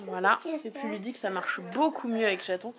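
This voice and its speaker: A mother chatting casually as she calmly explains her child's schoolwork step by step. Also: medium pitch, brisk, a loud crowd. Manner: explains step by step, calm and practical. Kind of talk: casual chat.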